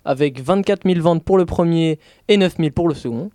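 A man's voice: on the high side, fairly quick, mellow, no echo, clean studio sound. A man co-hosting a rap radio show, announcing segments in a formal, read-out way.

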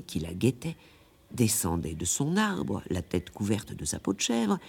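A man narrating a classic tale in a radio drama, with an expressive telling. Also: fairly low pitch, slightly rough. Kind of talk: scripted storybook narration.

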